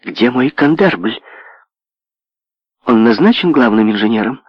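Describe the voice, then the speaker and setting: A man reading an audiobook, raising his voice to play a willful, demanding young heiress who speaks with sharp emphasis. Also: mid-range voice, lively intonation, unhurried, no room sound, voice pushed up. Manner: demanding, emphatic, swinging to soft. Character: willful rich young woman, heiress, imperious. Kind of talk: audiobook character voice. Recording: dull lo-fi audio.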